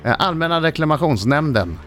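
Radio co-host, man, animated and teasing, faint music underneath. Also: fairly high pitch. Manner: joking, teasing banter. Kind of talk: radio show banter.

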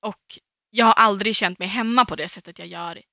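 A woman from Umeå, co-hosting a podcast in casual chat, telling stories lively and acting out quotes. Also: mid-range voice, gravelly, no room sound, clean studio sound. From Umeå, Sweden. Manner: lively storytelling, acts out quotes, swears casually.

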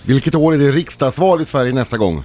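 A man's voice: mid-range voice, a little mellow. Matter-of-fact male quiz reader. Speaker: radio quiz question reader. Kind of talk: reading quiz questions. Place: radio studio.

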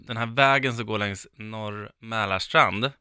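Male storyteller, gravelly and bright, animated anecdote delivery. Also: on the low side, no room sound, studio quality. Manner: animated anecdote, quotes himself and others. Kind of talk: casual storytelling chat.

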